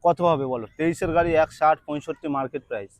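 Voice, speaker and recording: A man with a West Bengal accent delivers a hard-sell showroom pitch in a high voice. He talks quickly and insistently, repeating prices and deals. The recording is close and dry. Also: no room sound, highs cut off. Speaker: used motorbike dealer pitching deals.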